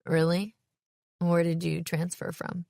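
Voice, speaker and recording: A woman's voice: fairly low pitch, completely flat delivery, measured pace, vocal fry, a little mellow, dry recording, clean studio sound. A woman reading an audiobook, voicing a sardonic teenage girl who hosts a poetry slam and teases with mock enthusiasm. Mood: wry.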